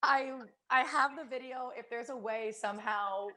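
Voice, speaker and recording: A woman's voice: fairly high pitch, normal speed. A woman hosting a casual podcast interview, upbeat and enthusiastic as she asks questions. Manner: enthusiastic, upbeat, full of shout-outs. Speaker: podcast host.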